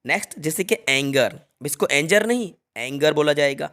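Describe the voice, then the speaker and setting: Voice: mid-range voice, expressive, normal speed, fairly bright tone. An English teacher giving a spelling lesson in Hindi, spelling words out letter by letter and then repeating them, with frequent direct reminders to the students.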